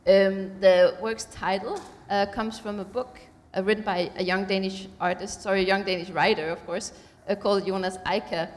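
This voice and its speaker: A woman's voice: medium pitch, steady tone, normal speed. A woman curator introducing an art exhibition at a panel, speaking thoughtfully with many ums and uhs. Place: museum auditorium. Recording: long hall reverb in auditorium.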